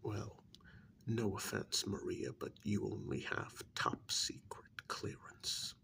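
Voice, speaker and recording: Stern and condescending, he performs the measured, cold agency superior in a heavily acted ASMR scene. The fairly low, gravelly half-whisper is breathy and paced with deliberate pauses.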